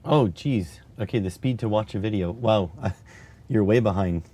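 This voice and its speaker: A man with a raspy voice live-streaming while testing circuit boards, muttering to himself as he works and reading chat aloud. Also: on the low side, measured pace, mellow. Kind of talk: casual live-stream electronics tinkering.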